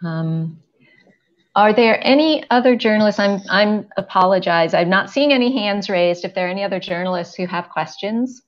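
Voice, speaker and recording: An older woman moderating a press conference over a video call, talking slowly with many pauses and fillers, on earphones from home. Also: mid-range voice. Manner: hesitant, filler-heavy, slow. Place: home room indoors. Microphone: earphone headset on video call. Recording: dull lo-fi video call audio.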